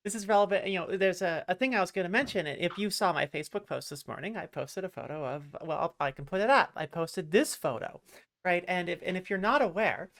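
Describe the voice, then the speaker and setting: A woman hosts a casual livestream interview and reads out viewer comments. Her voice sits a little low and she laughs easily. She keeps the chat loose and friendly. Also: fairly quick, slight background noise. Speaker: livestream show host.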